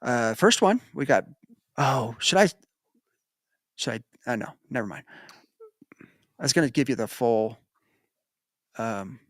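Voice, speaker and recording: A man's voice: mid-range voice, animated, unhurried, long pauses, a bit bright, no room sound, studio quality. A man from the United States hosting a casual sports betting podcast, rambling and correcting himself as he goes. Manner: rambling, self-correcting, chuckles. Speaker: podcast host.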